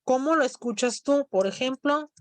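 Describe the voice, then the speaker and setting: A woman's voice: high-pitched, moderate pace, no room sound. A woman teacher with a Mexican accent lecturing a class, explaining step by step and often checking in with her students. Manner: explanatory, asks students questions.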